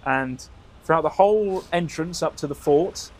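Male co-host, a touch high, rambling upbeat travel storyteller. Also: moderate pace, a little mellow, slight background noise. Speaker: podcast co-host.

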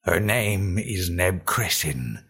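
A sly, thin old stranger in a storybook reading, drawing out every word in a slow, coaxing way, as a deep-voiced male narrator puts him on. His tone sits very low and dark. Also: expressive, gravelly, breathy edge, exaggerated voice. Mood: persuasive.

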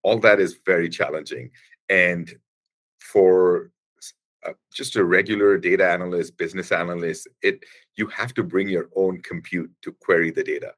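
Deep-voiced man explaining at length. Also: steady tone, fairly bright tone. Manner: explanatory, halting with many restarts. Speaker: guest, engineering executive. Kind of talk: podcast interview.

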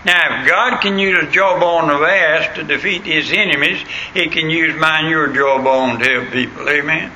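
Male preacher, rural American accent, plain country diction. Very bright, hard-edged, slightly high voice, folksy sermon delivery. Noisy recording. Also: normal speed, hardly any pauses, highs cut off. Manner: folksy, punctuates points with questions to listeners. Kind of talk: sermon with anecdotes and scripture reading.

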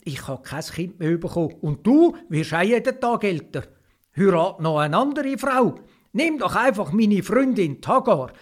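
An aging wife presses a blunt, practical idea, as a male storyteller puts her on. Her voice is high and insistent, a voice from a children's storybook. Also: big pitch swings, normal speed. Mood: persuasive.

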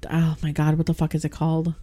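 A woman's voice: sits low, completely flat delivery, fast, dark tone, breathy edge. A young woman co-hosting a casual podcast, chiming in agreeably and swearing freely. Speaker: podcast co-host. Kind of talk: casual chat.

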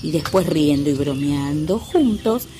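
A woman's voice: sits low, unhurried, noisy background. A woman, expressively reading a children's story aloud. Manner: expressive, lilting.

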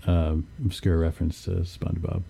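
A man's voice: deep voice, monotone, normal speed, gravelly, warm tone, slightly rough. A man co-hosting a podcast, joking in a laid-back, casual chat with his partner. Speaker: podcast co-host.

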